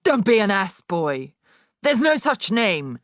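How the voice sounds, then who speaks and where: A woman voicing the Trunchbull, booming and cruel. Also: very animated, slow, no room sound, clean studio sound. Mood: bellowing. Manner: barking, booming, contemptuous. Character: towering bullying female headmistress, harsh and scornful.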